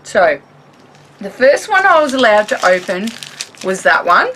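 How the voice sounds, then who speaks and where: A woman with an Australian accent chatting in a home craft vlog, animated and rambling, laughing often as she shows things. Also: mid-range voice, a little slow, slight background noise, rough recording. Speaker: craft vlogger. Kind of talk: chatty show-and-tell vlog.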